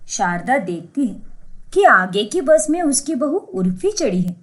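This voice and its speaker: A woman narrating a cartoon story in a scripted, expressive manner. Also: on the high side, a little slow.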